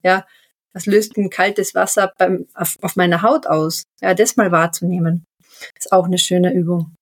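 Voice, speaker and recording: A woman co-hosting a podcast, talking calmly and reflectively about mindfulness in drawn-out, easy phrases. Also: lowish voice. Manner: calm, reflective, drawn-out phrasing with many "ja" fillers. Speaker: podcast co-host. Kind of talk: casual podcast conversation on mindfulness.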